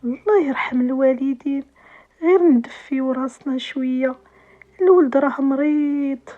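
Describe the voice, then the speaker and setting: A woman's voice: sits high, moderate pace, narrow, tinny audio, natural voice. A woman with a Moroccan accent voicing a weak, pleading poor father in a folk tale.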